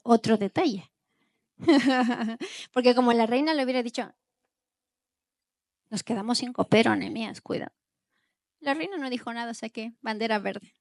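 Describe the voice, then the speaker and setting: A woman's voice: high voice, no room sound, studio quality. A woman preaching a sermon, telling a story with animation, acting out the dialogue and asking her listeners questions. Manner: asks listeners rhetorical questions.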